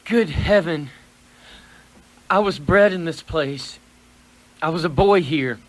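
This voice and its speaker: A man playing a shaken miser confronted with his past in a radio play, halting and theatrical in delivery. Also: on the high side, rough recording. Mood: wistful.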